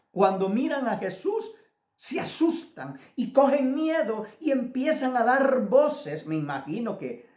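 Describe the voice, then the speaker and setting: Male pastor, Guatemalan accent, slow and deliberate sermon delivery that speaks straight to the listener, recorded in an echoey room. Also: high-pitched, a little mellow. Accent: Guatemalan Spanish. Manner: deliberate, addresses listener directly. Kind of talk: devotional sermon.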